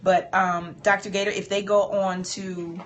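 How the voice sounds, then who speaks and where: A woman, chatting candidly and warmly to viewers while filming her cosmetic treatment in a doctor's office. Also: medium pitch, a little slow, dull audio, slight background noise. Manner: animated, chatty, heartfelt, addresses viewers as y'all. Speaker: patient filming her own cosmetic procedure. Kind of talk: candid livestream talk to viewers.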